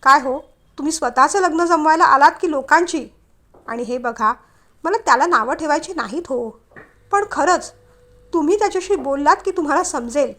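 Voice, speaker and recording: Woman voicing a flustered, spirited young bride-to-be. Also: high-pitched. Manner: flustered then sharp, scolding.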